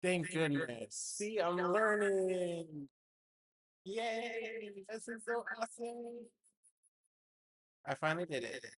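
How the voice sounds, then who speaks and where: Speaking slowly with long pauses, a young man in a somewhat bright, high-sitting, animated voice rambles through stream setup at home. He hesitates and fills gaps with filler words on a desktop mic, and the recording is dry.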